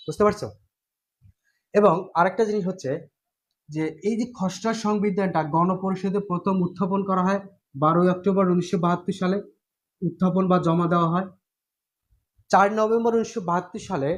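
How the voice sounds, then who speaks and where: A man teaching an online exam-prep class in a casual lecturing style, repeating points and often checking that students follow. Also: sits high.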